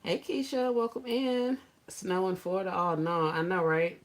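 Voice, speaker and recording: A woman's voice: on the low side, fairly even intonation, normal speed. A woman hosting a casual livestream, greeting viewers by name, laughing often and teasing playfully. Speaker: livestream host.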